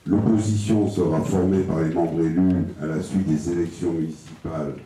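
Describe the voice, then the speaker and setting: A man reading out formal amendments at a municipal council meeting, in a measured and formal way, his voice carried by a heavy cathedral-like echo from far off in a large hall. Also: deep voice, steady tone, dark tone. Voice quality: measured, formal, reads out legal wording. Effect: heavy cathedral-like echo, voice heard from far off in a large hall. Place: large echoing council chamber. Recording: very echoey distant hall recording with faint noise.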